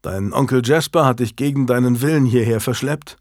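A man voicing a calm, generous medieval lord who speaks earnestly in an audiobook. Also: mid-range voice, fairly quick, dry recording, clean studio sound, natural voice.

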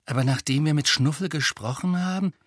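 A man voicing a hesitant, anxious teenage schoolgirl who chooses her words slowly, with pauses. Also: fairly high pitch, no echo, clean studio sound, voice pushed up, close to an everyday voice. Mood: hesitant, worried.

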